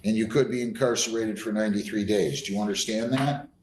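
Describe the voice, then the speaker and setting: A man's voice: fairly low pitch, fast, darkish tone. American male judge in an echoey courtroom. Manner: procedural, firm, plainly questioning. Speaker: judge presiding over hearings. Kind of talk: formal courtroom procedure, speaking in a courtroom. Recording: echoey room with faint background noise.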